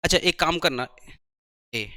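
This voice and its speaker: Male tutor, brisk, repeats terms, dry close sound. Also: a little high, bright, forceful tone, no room sound. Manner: brisk, urges students to write fast, repeats terms. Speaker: commerce tutor. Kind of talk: classroom lecture. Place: coaching classroom.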